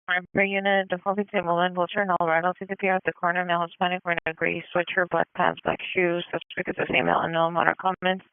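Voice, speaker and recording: High clipped police radio dispatcher man. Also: flat delivery, smooth, no echo. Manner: rapid clipped dispatch codes. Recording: tinny radio scanner audio.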